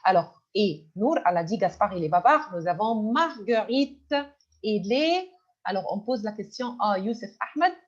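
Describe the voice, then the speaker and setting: Speaking in an expressive, mid-range voice at a moderate pace, a woman leads an online French class. She explains words patiently and repetitively, often turning to English, and the audio is dull and lo-fi.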